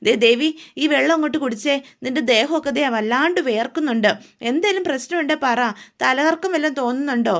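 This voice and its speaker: A woman's voice: high voice, fast talker. Woman doing a fussing, insistent mother. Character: fussing anxious mother-in-law, older woman.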